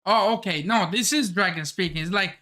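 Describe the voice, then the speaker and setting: A man hosting a manga reaction, reading along excitedly and thinking aloud with frequent exclamations and restarts. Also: high-pitched, a little fast.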